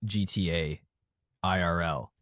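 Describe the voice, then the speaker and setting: A man's voice: sits low, takes it slowly, fairly bright tone, no room sound, clean studio sound. A man co-hosting a podcast in casual chat who laughs easily and riffs on jokes. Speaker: podcast co-host.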